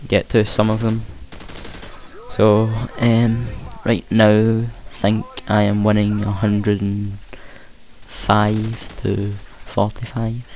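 Low, even-toned man with broad Scottish accent. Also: takes it slowly, poor audio. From Scotland. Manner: hesitant, trying to speak clearly. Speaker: gaming commentator. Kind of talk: casual gameplay commentary. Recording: hissy home mic with faint noise. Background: game gunfire.

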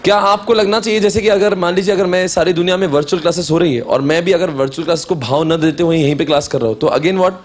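Stern, husky male teacher lecturing. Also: a little high, steady tone. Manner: stern, urging students to study hard; reads questions aloud slowly, word by word. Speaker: CA exam teacher. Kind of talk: classroom lecture mixing Hindi and English. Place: classroom.

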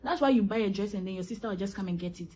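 A woman's voice: mid-range voice, very fast, darkish tone, husky, poor audio. A young woman venting in a vlog, emphatic and exasperated, repeating her points for effect. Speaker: vlogger. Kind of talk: ranting vlog monologue.

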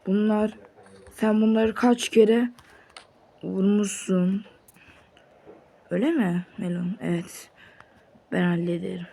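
Woman, unhurried delivery, acts out sandbox game characters, hushed threats to shrill pleading, faint hiss behind. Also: steady tone, creaky. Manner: swings between hushed threats and high panicked pleas. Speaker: game player.

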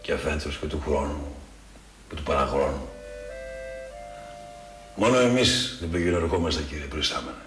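A man's voice: rumbling low, pauses often, fairly bright tone, roomy sound, faint music behind. An actor playing an ironic, teasing friend who mocks his colleague. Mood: wistful. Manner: ironic, teasing, rising to mockery. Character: mocking friend, ironic and philosophical. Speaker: actor in TV drama.

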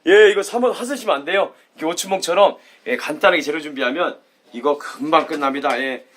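High-voiced chatty cooking man. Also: brisk. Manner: chatty, repeats "예" and "입장" as catchphrases; loud excited outbursts when tasting. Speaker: cooking YouTuber. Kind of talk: casual cooking demo and drinking vlog.

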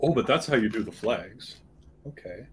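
A man's voice: fairly low pitch, animated, moderate pace, background noise. A man co-hosting a casual livestream, joking and mocking himself while he builds. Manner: joking, self-mocking banter. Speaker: livestream co-host building toy bricks. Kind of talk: casual chat.

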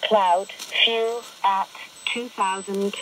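A woman with a mid-range, slightly bright voice reads formulaic aviation weather reports over shortwave radio, drawing out her words with fairly even intonation. As a weather broadcast announcer, she speaks in clipped, segmented, impersonal phrases. The noisy single-sideband reception is full of static and radio noise.

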